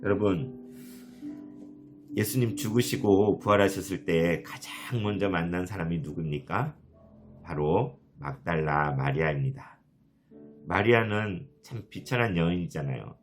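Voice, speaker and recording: Male pastor, very low voice, earnest sermon with questions to listeners, guitar bed. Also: a little slow. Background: soft guitar music.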